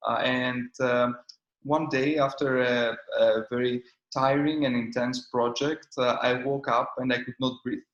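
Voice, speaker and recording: A man's voice: medium pitch, fairly even intonation, a little slow, fairly bright tone, echoey room, highs cut off. A man in his thirties from Greece with a Greek accent, a company founder answering interview questions with many hesitant fillers. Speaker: startup founder and CEO. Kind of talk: conference interview.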